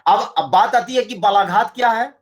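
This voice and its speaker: A man teaching a Hindi grammar lesson, explaining slowly and often checking with his students. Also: high-pitched, muffled recording. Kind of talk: classroom lecture.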